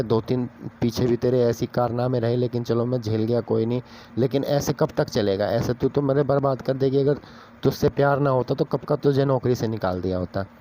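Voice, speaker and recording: A man's voice: medium pitch, slight background noise, lightly acted. A man voicing a furious male boss who scolds his employee and raises his voice. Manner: shouting, scolding.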